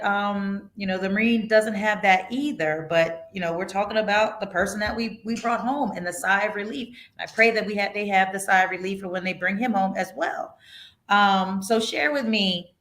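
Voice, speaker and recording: Woman podcast host, casual and animated, blunt and emphatic, cusses freely. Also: medium pitch.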